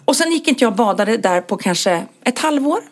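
Woman, casual comic storytelling, self-mocking, fillers, highish voice, swooping melody. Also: lively intonation. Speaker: podcast co-host telling stories.

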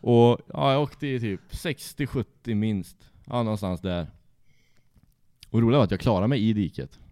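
A man's voice: on the low side, warm tone, no room sound, studio quality. A young man casually telling a rowdy anecdote, swearing freely and laughing as he goes. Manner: profane, laughs through his story. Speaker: storyteller.

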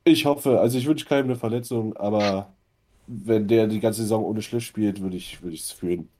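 A man's voice: fairly low pitch, normal speed, mellow, a little hiss or hum. A man co-hosting a casual podcast, talking bluntly and with strong opinions, cursing now and then. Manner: blunt, opinionated, swears freely. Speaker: podcast co-host.

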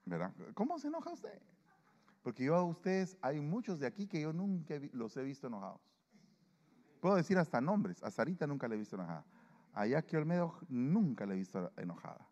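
A male pastor preaching to his congregation and leading communion, lively and acting out the voices of people he quotes. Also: a little high, a little fast, long reverb tail, highs cut off. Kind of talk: sermon and communion prayer. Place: church.

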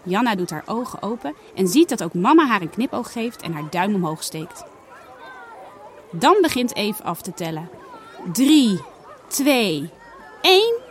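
A woman reading a children's story aloud, putting on lively voices for the characters' dialogue. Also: medium pitch, moderate pace, a little hiss or hum. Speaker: storybook reader.

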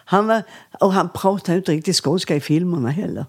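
A woman's voice: on the low side, breathy edge. An older woman from southern Sweden, a singer being interviewed, telling chatty, rambling anecdotes. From Skåne, southern Sweden. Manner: chatty, lively anecdotes, rambles and laughs easily. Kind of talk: casual storytelling.

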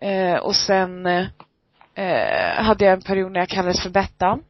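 A woman's voice: medium pitch, expressive, no room sound. A woman telling stories in a casual chat, acting out other people's lines as she goes. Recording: dry, slightly dull lo-fi sound.

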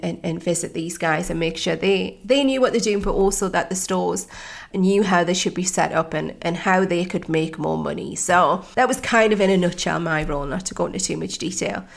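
A woman's voice: on the low side, vocal fry. A woman in her thirties, a life coach hosting a podcast, telling her own story in a candid, reflective way with many fillers and restarts.

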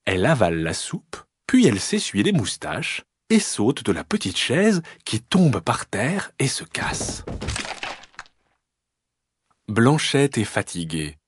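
A man reading a children's story aloud in an expressive, lilting storyteller's voice. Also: medium pitch, takes it slowly, slightly rough, no room sound.

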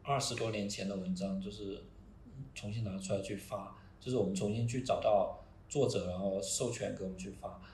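A man who runs an art organization, talking in a casual podcast and pausing often to restart his thoughts. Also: fairly low pitch, fairly even intonation, a little mellow. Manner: halting, many restarts and fillers. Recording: roomy with faint noise.

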